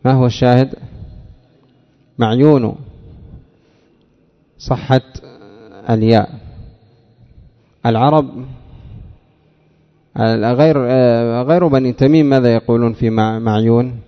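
Male teacher, gravelly tone, drills students with repeated questions; muffled recording in a reverberant hall. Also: medium pitch, measured pace, pauses often. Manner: asks questions and answers them himself, repeats key words; addresses a student by name. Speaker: teacher of Arabic morphology. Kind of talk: classroom lesson explaining a text.

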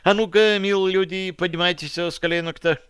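A man's voice: high voice, steady tone, normal speed, a bit bright, smooth, no echo, clean studio sound, pitched above the performer's own voice. A man voicing a stern, folksy male gang enforcer who draws out his commands in old-fashioned speech.

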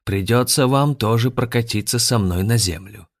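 A man's voice: mid-range voice, normal speed, pitched above the performer's own voice, close to an everyday voice. A man voicing a scheming villainous male grandmaster who leads a cult, venomous and commanding. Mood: sly, mocking.

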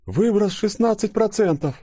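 Dude playing a young gal agent, eager, high voice, kinda husky. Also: male voice, animated, normal speed, mellow, dry recording, studio quality. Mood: excited.

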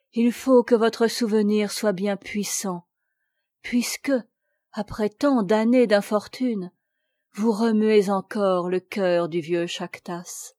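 A woman reading a classic novel aloud as an audiobook, in a measured, expressive way. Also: mid-range voice, no room sound, clean studio sound. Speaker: audiobook reader.

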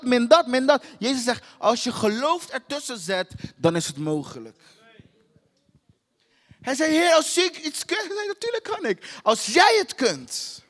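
A man's voice: very high voice, pushed and bright. A man preaching a sermon with emphatic repetition and rhetorical questions to his listeners. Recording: long hall reverb.

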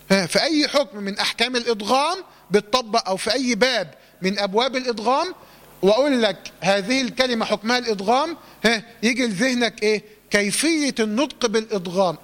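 A man with an Egyptian accent teaching Quran recitation rules, asking his students questions and answering them himself, and slowing down to recite examples in a drawn-out voice. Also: high voice, a bit bright, in a large hall. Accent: Egyptian Arabic. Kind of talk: tajweed lesson with recited examples.

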